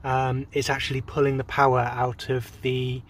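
Holding his phone outdoors by a van at a rural charging station, a man gives a loose, easygoing vlog tour, often stopping with ums and starting over. His mid-range voice moves at a moderate pace over slight hiss or hum.

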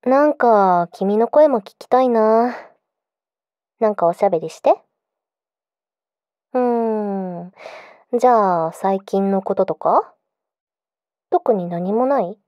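A woman's voice: mid-range voice, slow pace, long pauses, no room sound, highs cut off, natural voice. A woman playing a clingy, possessive yandere girlfriend in an intimate pillow-talk role-play, coaxing and insistent. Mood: sweet, playful.

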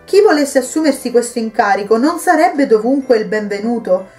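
A woman reading the lines of a kind, devout wife and mother who gently persuades a troubled guest to stay. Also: fairly high pitch, expressive, fairly quick, soft background music, lightly acted. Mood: gently persuasive. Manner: warm, patient pleading.

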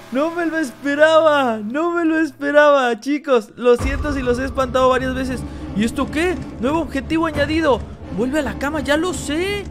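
A man commenting on a horror game he plays, reading its lines aloud in translation, talking to his viewers and yelping and repeating words when he is scared. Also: extremely high pitch. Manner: addresses viewers as "chicos". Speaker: gaming YouTuber. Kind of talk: Let's Play commentary translating game dialogue.

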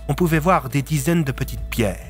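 A man narrating a serialized audiobook in a steady storytelling manner. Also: a little high, brisk, soft background music. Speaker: narrator and voice of all characters.

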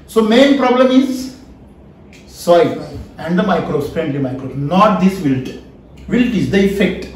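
A high-pitched man with an Indian accent teaches in an emphatic, questioning way. He repeats key phrases as he lectures. The room rings with heavy echo and the microphone sits at a distance. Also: animated, measured pace, a little hiss or hum. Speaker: trainer, lecturer. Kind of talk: interactive classroom lecture. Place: small wood-panelled indoor training room. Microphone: camera a few feet away. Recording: very echoey room, mic at a distance.

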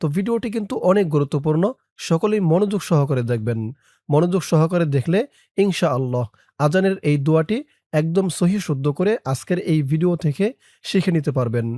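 A man teaching a prayer by chanting it word by word, then quickly explaining how to pronounce it. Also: on the high side, animated, warm tone, no room sound, studio quality. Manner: slow drawn-out chanting of each word, quick plain explanations between. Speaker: religious teacher.

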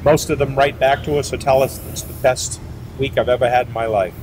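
A middle-aged man answers interview questions in a loose, rambling way, full of fillers and restarts, at an ordinary mid pitch. He sits outdoors beside a boat at a marina, picked up on a lapel mic. Clear background noise of traffic and machinery runs underneath. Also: fairly even intonation, brisk. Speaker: boat manufacturer representative.

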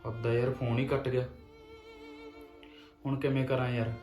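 A man's voice: medium pitch, flat delivery, darkish tone, roomy sound, faint music behind, natural voice. An actor playing a young man who pleads with his sister for forgiveness after losing his land. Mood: regretful. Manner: pleading, repentant, with many pauses. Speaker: brother.

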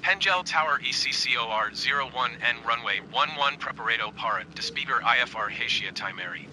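A man with a very bright, crisp voice speaks as a pilot into his cockpit headset mic. He reads back clearances in clipped, formal radio phrasing. A faint hiss sits under his voice. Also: medium pitch, lively intonation, a little fast, low-quality recording. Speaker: virtual airline pilot. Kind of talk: radio calls to air traffic control.

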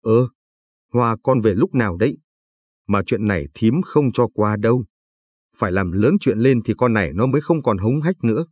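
Guy reading a cranky village auntie who nags everyone, low husky voice, dry close sound. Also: lively intonation, moderate pace, a little mellow, no room sound. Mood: suspicious. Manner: scolding, quarrelsome. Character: sharp-tongued middle-aged village auntie.

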